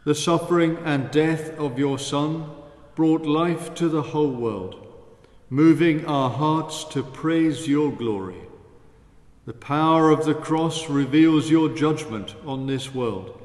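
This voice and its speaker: Solemn priest in cathedral echo. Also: male voice, a little high, darkish tone. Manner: solemn, measured intoning. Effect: cathedral echo, long church reverb. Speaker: priest celebrating Mass. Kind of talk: liturgical prayer, spoken and chanted. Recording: echoey reverberant church hall.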